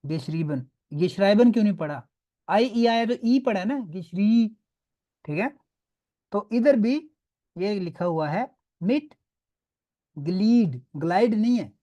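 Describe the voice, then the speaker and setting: A man's voice: sits high, lively intonation, a little slow, dark tone, lo-fi sound. A man teaching a beginners' online class, patiently drilling sounds and often checking that students follow. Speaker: language teacher.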